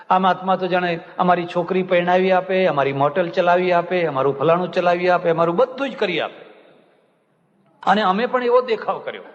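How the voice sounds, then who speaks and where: An older man, a swami, giving a religious discourse full of anecdotes and acting out the people he quotes with humor. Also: fairly high pitch. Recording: long hall reverb, dull lo-fi sound.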